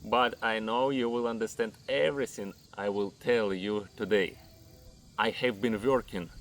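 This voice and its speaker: Here a man from Ukraine, around his thirties, explains fitness topics to the camera at an unhurried pace, ticking off points in sequence. He's a coach whose native language isn't English, so his grammar is non-native and his Ukrainian accent is plain. His voice sits on the lower side.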